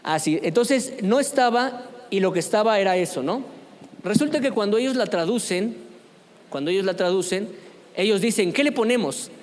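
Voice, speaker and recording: A man's voice: sits high, lively intonation, moderate pace, in a large hall. A man teaching a church youth group, speaking conversationally and often asking the group questions. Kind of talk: church youth lesson on apologetics. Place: church meeting room.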